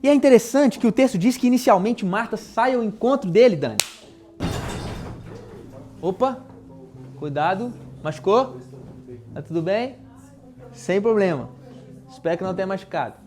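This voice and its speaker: Animated Brazilian pastor preaching. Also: male voice, sits high, moderate pace, long pauses, soft background music. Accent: Brazilian Portuguese. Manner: colloquial, animated storytelling. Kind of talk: live sermon. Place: church before a congregation.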